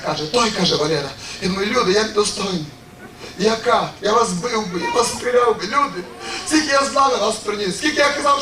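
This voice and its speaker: Fast animated preacher man, echoey hall. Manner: animated storytelling, swinging between high and low voices. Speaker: preacher giving testimony. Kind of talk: emotional sermon testimony. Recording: echoey room, from far off, noisy.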